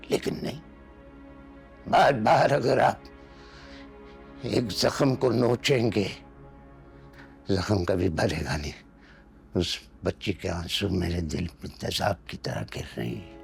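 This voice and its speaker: A man's voice: lowish voice, gravelly, exaggerated voice. A guilt-ridden old father. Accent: Pakistani. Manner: slow, heavy and reproachful. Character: guilt-ridden older father, stern and anguished.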